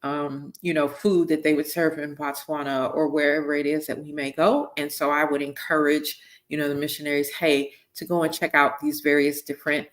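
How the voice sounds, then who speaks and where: A low-pitched woman hosts a live-streamed teaching talk. She keeps it conversational and often tags her sentences with "right?" or "okay?" to draw her listeners in. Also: level tone, moderate pace, few pauses. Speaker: host, missions team leader.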